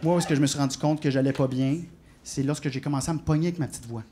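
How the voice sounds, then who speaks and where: A man's voice: mid-range voice, steady tone, racing, background noise. A man with a Québécois French accent doing live stand-up comedy, telling self-mocking stories and confiding in the crowd. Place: comedy club stage before a live audience. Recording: live show with loud audience laughter.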